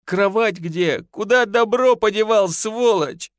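Shrewish peasant wife for a storybook, played by a man, raised high, wailing and scolding with a dry close sound. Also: big pitch swings, a little slow, dry recording.

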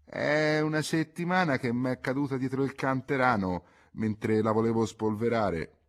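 A man's voice: mid-range voice, moderate pace, voice pushed up, close to an everyday voice. Man doing a guarded old peasant woman.

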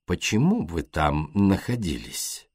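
A man voicing a shrewd, courteous foreign male detective in an audiobook, talking slowly, softly and deliberately. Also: low-pitched, huge pitch swings, husky, no echo, clean studio sound, voice pushed down, heavily acted. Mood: gentle, insistent. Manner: slow, soft, deliberate.

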